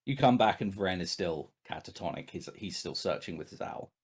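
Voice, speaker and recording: Animated, sweary male game master. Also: low voice, moderate pace, breathy edge. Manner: casual, sweary, emphatic. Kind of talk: improvised tabletop game narration.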